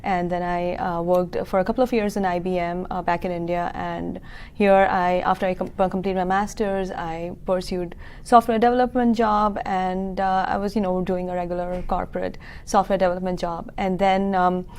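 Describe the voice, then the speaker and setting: A woman's voice: fairly low pitch, flat delivery, normal speed, darkish tone, a little hiss or hum. A woman in her thirties from Kuwait, a school founder explaining her business in a local TV interview, earnest and full of fillers. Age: 30s.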